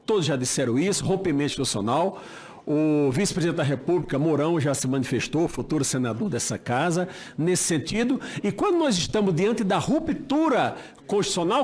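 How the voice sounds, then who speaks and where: An older Brazilian man giving an impassioned political speech, emphatic, with rhetorical questions and repeated phrases. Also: sits high. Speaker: speaker at a senate hearing, former judge.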